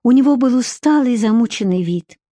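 A woman's voice: on the high side, lively intonation, brisk, dark tone, no room sound. Woman narrating an audiobook.

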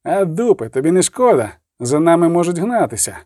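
A man voicing a hoarse, blunt Hussite fighter who speaks curtly. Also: on the high side, very animated, fairly quick, darkish tone, no room sound, studio quality. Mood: angry. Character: gruff grown male Hussite fighter, blunt.

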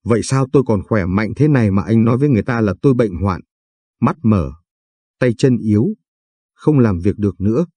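A man doing an irate old father-in-law in an audio storybook, berating his family in fast, heated outbursts. The voice is low, dark and husky, with a dry, close sound. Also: animated, no room sound. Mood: stern. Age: older. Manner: angry scolding, rapid tirades. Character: hot-tempered elderly father-in-law, scolding.

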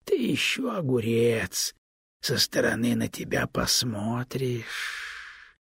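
A man reading an audiobook, voicing a sly, evasive male serpent who speaks in a low, measured and sometimes hushed way. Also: sing-song, gravelly, husky, dry recording, studio quality, full character voice. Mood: calm, sly. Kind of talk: audiobook character voice.

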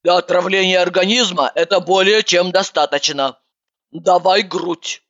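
A bossy, overbearing woman with a booming bass voice, put on by a woman reading an audiobook. She barks short, gruff orders with no patience for anyone. Her tone is bright and cutting. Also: steady tone, measured pace, muffled recording. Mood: barking.

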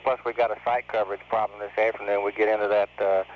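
A man's voice: on the low side, little pitch movement, quick pace. An American man at mission control on astronaut radio, explaining technical matters in a hesitant way. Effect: radio transmission. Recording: muffled, noisy 1970s mission radio. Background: faint radio noise.

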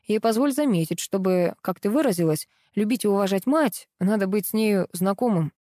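A woman reading a calm, quietly bitter grown son. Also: medium pitch, moderate pace, no echo, studio quality, close to an everyday voice.

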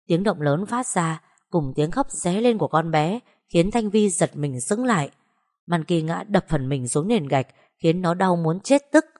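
Woman storyteller, low voice, steady delivery. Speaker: narrator. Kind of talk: audiobook narration of a drama story.

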